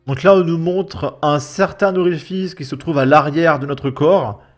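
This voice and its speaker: A young Frenchman with a fairly high voice speaks a little slowly over background music as a YouTube commentator. He delivers casual, mocking reaction commentary, sounding sarcastic and exasperated.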